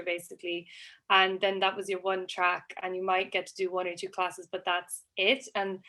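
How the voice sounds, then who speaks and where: A woman who grew up in Switzerland, answering on a panel in a thoughtful way and often restarting her sentences. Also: mid-range voice. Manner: thoughtful, self-correcting, with restarts. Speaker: panelist, alumna.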